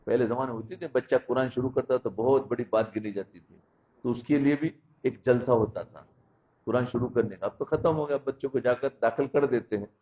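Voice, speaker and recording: A man's voice: medium pitch, husky. A man giving a sermon, telling stories about childhood and often asking his listeners whether they follow. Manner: storytelling, asks listeners "understood?". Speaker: Islamic preacher. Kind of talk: sermon with storytelling. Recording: dull lo-fi recording.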